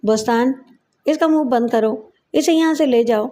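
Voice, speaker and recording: A woman's voice: a little high, warm tone, lightly acted. A woman narrator voicing a frightened rich lady who speaks anxiously from hiding, in an audio story.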